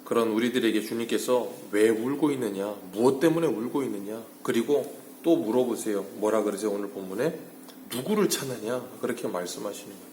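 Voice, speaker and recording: A male pastor preaching an early-morning sermon, asking rhetorical questions and moving between hushed and emphatic delivery. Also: lowish voice, brisk, echoey room, slight background noise. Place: church sanctuary.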